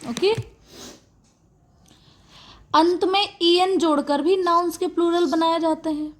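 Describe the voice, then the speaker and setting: High-voiced woman teaching grammar slowly. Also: steady tone. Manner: explains patiently, repeating words and checking with "okay" and "theek". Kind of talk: classroom grammar lesson.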